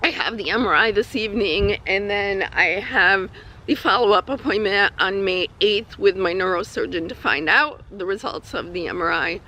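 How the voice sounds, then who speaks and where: Woman with a weak, strained, bright voice. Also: mid-range voice, normal speed, poor audio. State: throat spasms with coughing and throat clearing. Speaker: vlogger. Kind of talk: personal health update vlog, casual talk. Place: outdoors on a hike.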